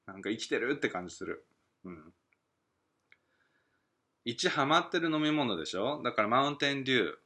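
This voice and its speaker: Bright-voiced man rambling on a podcast. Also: on the low side. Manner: rambling, musing aloud with chuckles. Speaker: podcast host. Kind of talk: casual solo podcast chat reading listener mail. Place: at home at night.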